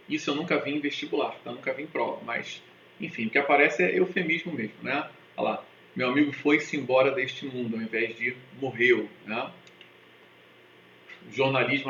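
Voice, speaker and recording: A man with a Brazilian Portuguese accent teaching an exam-prep lesson in a casual, lively way, often checking that students follow. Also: medium pitch, echoey room, lo-fi sound, slight background noise.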